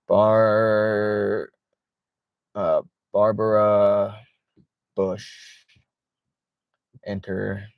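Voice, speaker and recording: Slow, laid-back man streaming from his car. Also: lowish voice, little pitch movement, vocal fry, no echo, narrow, tinny audio. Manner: reads viewer chat aloud, swears freely, laughs often. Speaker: livestream host. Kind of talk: casual late-night livestream chat. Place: inside his parked car.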